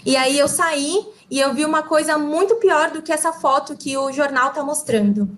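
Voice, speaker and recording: A woman with a Brazilian Portuguese accent interprets a talk phrase by phrase. Her voice is high and her delivery fast, and she keeps pace with the speaker. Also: fairly bright tone. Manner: quick, relaying phrase by phrase. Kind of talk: consecutive interpreting.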